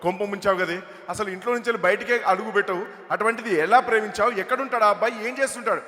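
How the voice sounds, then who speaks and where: A man's voice: high-pitched, very fast, pushed and bright. A man voicing an exasperated, doting father scolding his daughter. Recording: echoey hall over stage PA.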